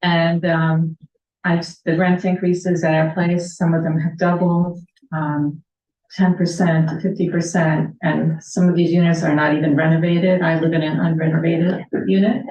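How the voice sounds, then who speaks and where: A low-voiced woman gives a short, hesitant public comment with many pauses. Her voice echoes around a large meeting room. The recording sounds dull and muffled. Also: little pitch movement, darkish tone. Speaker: long-term tenant speaking at public comment. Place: village board meeting room. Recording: echoey hall, dull mic.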